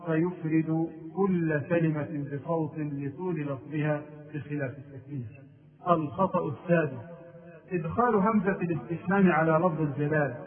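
High-voiced man teaching call-to-prayer mistakes. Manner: demonstrates prayer-call phrases by chanting them. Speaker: religious teacher. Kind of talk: religious lesson on the call to prayer. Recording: tinny phone-like distant sound.

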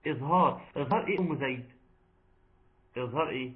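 A man with an Egyptian accent teaching Quran recitation in an online lesson, chatting with the class, quizzing them and chanting verses slowly. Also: medium pitch. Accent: Egyptian Arabic. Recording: tinny phone-like line.

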